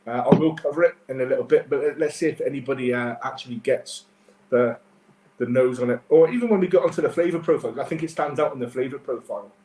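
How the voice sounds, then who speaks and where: A man presents tasting notes like an informal sommelier, with a halting, chatty delivery. His mid-pitched voice sounds in a roomy, echoing space. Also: warm tone. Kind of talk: sommelier-style tasting notes in a casual live webcast.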